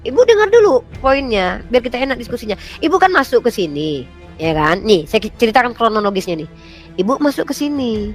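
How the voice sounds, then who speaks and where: Young woman grilling someone in a debate, kinda high voice, insistent. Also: very animated, fairly quick, faint music behind. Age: young adult. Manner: sharp, insistent questioning. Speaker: debate host. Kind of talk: heated online religious debate.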